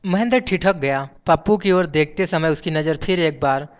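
A man narrating a novel as an audiobook in a measured reading voice, on a dull lo-fi recording. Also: a little high, smooth. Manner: measured, reads page numbers aloud.

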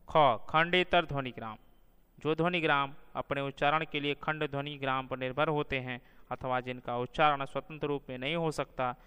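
A man teaching Hindi phonology as a lecture, reading out sounds and word pairs one by one and stressing each clearly. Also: on the high side, sharp tone, long reverb tail.

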